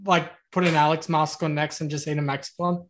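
A man's voice: fairly high pitch, flat delivery, fairly quick. A man on a podcast panel, talking in casual banter.

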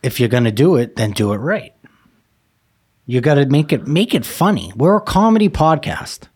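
A man with a Northeastern US accent co-hosting a podcast, talking in loud, profane and boastful casual banter. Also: mid-range voice, big pitch swings, normal speed, husky, dry recording. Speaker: podcast co-host.

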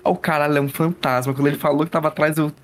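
A man co-hosting a podcast, talking in an animated way and swearing when he is startled. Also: a little high, rapid-fire. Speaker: podcast co-host. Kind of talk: casual chat.

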